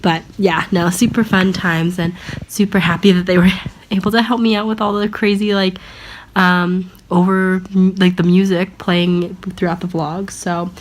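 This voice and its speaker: A woman's voice: lowish voice, flat delivery, measured pace. A young American woman in her twenties, chatting casually in a vlog with lots of fillers and laughs. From United States. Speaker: vlogger and language assistant at a school. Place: outdoors in a park.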